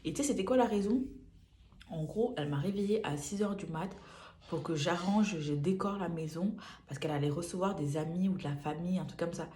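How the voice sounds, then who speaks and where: Low-voiced young woman telling a slangy story. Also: a little fast. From France. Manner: lively, slangy, acts out dialogue. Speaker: vlogger. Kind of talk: casual storytime.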